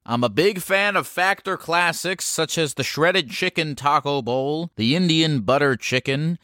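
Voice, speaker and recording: A man's voice: medium pitch, a bit bright, smooth, dry recording, studio quality. A man hosting a podcast, talking to callers in a blunt, informal way. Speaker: podcast host. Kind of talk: casual call-in chat.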